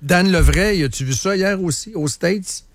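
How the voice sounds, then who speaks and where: A high-pitched, unhurried male radio host with a Quebec French accent speaks on a clean recording with no echo. He runs a casual, opinionated current affairs talk show in colloquial speech sprinkled with English, repeating phrases for emphasis.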